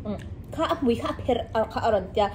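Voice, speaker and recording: A woman's voice: a little high, fast talker, a little hiss or hum. A young woman vlogging casually about her wedding, chatty and rambling, often laughing as she talks. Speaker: vlogger, half of a married couple. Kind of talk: casual chat.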